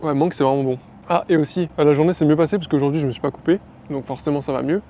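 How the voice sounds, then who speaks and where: A man's voice: on the high side, rapid-fire, warm tone, a little hiss or hum. A man vlogging casually outdoors, chatty and rambling with many fillers, on a phone camera. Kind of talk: casual daily vlog.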